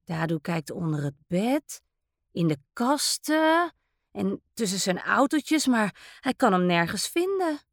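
A woman reading a children's bedtime story aloud, slow and expressive. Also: mid-range voice, no room sound, clean studio sound.

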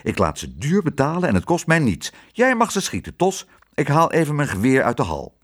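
A man reading a storybook aloud, voicing a greedy, hot-tempered male restaurant owner who blusters and shouts orders. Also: on the high side, huge pitch swings, a little fast, voice pushed up.

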